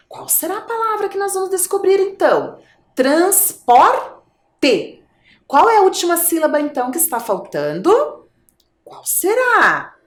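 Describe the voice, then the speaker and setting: Animated Brazilian woman teaching young children. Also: on the high side, echoey room. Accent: Brazilian Portuguese. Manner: animated, coaxing, asks children questions. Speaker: primary school teacher. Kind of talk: video lesson for young children.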